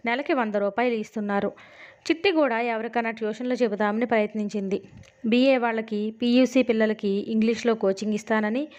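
A woman's voice: on the high side, brisk, a little mellow. A woman reading a novel aloud as an audiobook, shifting her voice a little for the characters' dialogue. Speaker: audiobook narrator. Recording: dull lo-fi recording.

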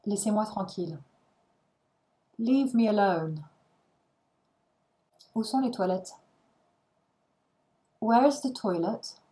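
Very slow woman reading lesson phrases. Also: mid-range voice, expressive, warm tone, rough recording. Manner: short isolated phrases, each followed by its translation. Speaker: language teacher.

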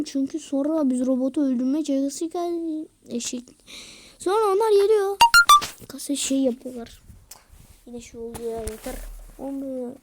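A woman doing casual gameplay commentary, excitable and slangy, yelling at teammates in bursts. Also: high-pitched. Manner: slangy, rough-talking banter. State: out of breath. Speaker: gaming video creator. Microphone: screen-recorded game commentary mic.

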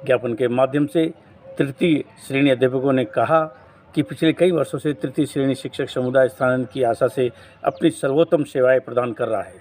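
A man's voice: medium pitch, brisk, a little mellow. A man, presenting a local news report as its host and reading out a memorandum in a formal tone.

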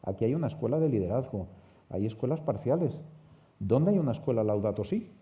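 A man with a Spain Spanish accent, talking at a mid pitch. He tells an animated, anecdote-driven story and acts out the dialogue. The sound is slightly dull and lo-fi. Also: fairly quick. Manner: animated anecdotal, with laughs and acted-out quotes. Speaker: seminar panelist. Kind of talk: conversational storytelling.

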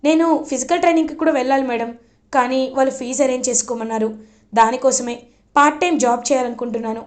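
An earnest, determined young girl explains her hopes quickly and politely, read by a woman narrator. Her voice is high and eager. The lines come from a spoken recap of a TV serial. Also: natural voice.

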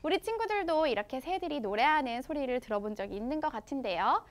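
Lively high-voiced teacher reading to kids. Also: female voice. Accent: Korean. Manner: slow, exaggerated English read-aloud with quick explanations in her own language. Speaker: English teacher reading a picture book. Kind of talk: bilingual storybook lesson for children.

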